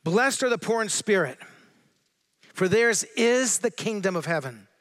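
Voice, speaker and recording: A middle-aged man from Southern California, a pastor delivering a sermon in a conversational way, slowing down to read scripture with emphasis. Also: high-pitched, expressive, fairly bright tone.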